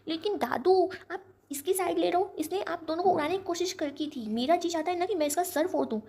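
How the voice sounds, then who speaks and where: A woman voicing a hot-tempered young woman who shouts and accuses in a storybook reading. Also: fairly high pitch, lively intonation, fast talker. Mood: furious. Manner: accusing, shouting, sharp-tongued.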